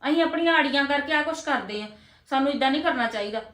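A woman's voice: high-pitched, quick pace, a bit bright, echoey room. A woman with a Punjabi accent, acting a defensive elder sister-in-law in a scripted family drama. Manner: defensive, then placating.

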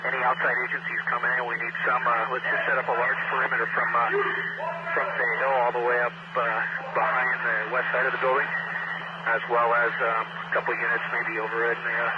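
Male officer on police radio; even, level delivery, halting, dull band with loud static. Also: medium pitch. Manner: halting, steady, many pauses while directing units. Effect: police radio transmission. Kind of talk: terse radio traffic with fillers.

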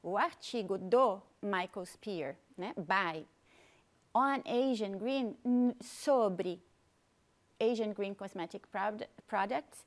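A woman's voice: medium pitch, drawn-out words. A woman with a Brazilian Portuguese accent giving a bilingual English pronunciation lesson, explaining step by step in an upbeat way. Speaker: English teacher.

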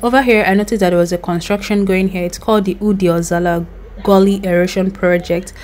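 A woman's voice: mid-range voice, steady tone, fast, a little mellow, a little hiss or hum. A young Nigerian woman narrating her road trip in a chatty, recommending voice-over with loose asides. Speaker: vlogger. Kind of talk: travel vlog voice-over.

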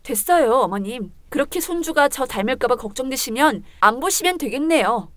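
A woman's voice: sits high, expressive, brisk, a bit bright, a little hiss or hum. A woman voicing a pregnant young wife in a dramatized story reading, speaking in a restrained, firm and polite way.

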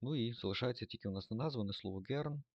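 A man's voice: mid-range voice, racing, no room sound, dull audio. A man teaching German grammar in a lesson, thinking aloud with fillers and self-corrections.

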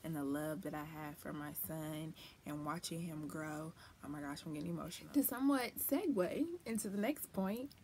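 A woman's voice: low voice, normal speed, darkish tone, a little hiss or hum. A woman and new mother vlogging about motherhood in a candid, chatty way, with folksy phrases and emphatic lifts. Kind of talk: personal casual vlog talk.

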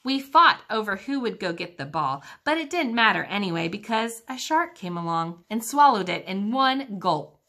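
A woman's voice: mid-range voice, sing-song, moderate pace, hardly any pauses, bright, forceful tone. A woman teacher reading a children's book aloud, engaging her young listeners with questions about the pictures.

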